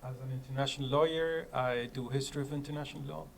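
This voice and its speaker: A man's voice: mid-range voice, fairly even intonation, fast, vocal fry, slight background noise. A man from Chile, a law professor, introducing his work thoughtfully with restarts and fillers. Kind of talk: panel self-introduction.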